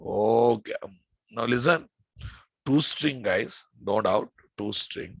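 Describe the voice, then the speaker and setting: A man with a Telugu-flavoured Indian accent leads a live coding lesson. His voice is forceful and creaky, recorded close and dry. He repeats phrases and keeps putting check-in questions to his students. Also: mid-range voice, takes it slowly, dry recording. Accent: Indian, Telugu-influenced. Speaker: programming instructor.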